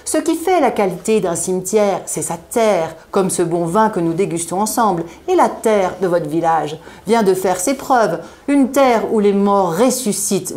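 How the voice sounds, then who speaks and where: A woman reading aloud, voicing a jovial chubby male undertaker with cheery, booming salesman patter. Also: darkish tone.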